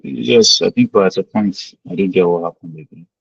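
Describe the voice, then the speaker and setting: A man talking a class through his shared screen on a video call, hesitant and step by step, his husky voice heard in the screen recording. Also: deep voice, normal speed, no echo. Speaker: student on an online class call. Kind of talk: casual screen-share talk. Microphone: video call mic. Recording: dull, dry lo-fi call audio.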